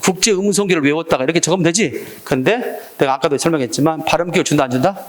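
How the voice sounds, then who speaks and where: A man's voice: fairly high pitch, rapid-fire. A man teaching an exam-prep Korean language lecture, drilling students with call-and-response prompts. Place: lecture classroom.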